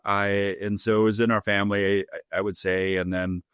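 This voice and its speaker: A man's voice: fairly low pitch, little pitch movement, normal speed, fairly bright tone, clear, resonant tone, no room sound. A man in his fifties from Minnesota with a Minnesotan accent, a school superintendent chatting easily as an interview guest, joking and often restarting his sentences. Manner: easygoing and joking, with frequent restarts. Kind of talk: casual interview chat.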